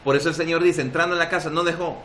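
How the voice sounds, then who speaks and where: A man's voice: fairly high pitch, steady tone, very fast, fairly bright tone, a little hiss or hum. A man with a Salvadoran accent preaching a sermon as pastor at a church service, emphatic and drawing responses from the congregation. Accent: Salvadoran Spanish.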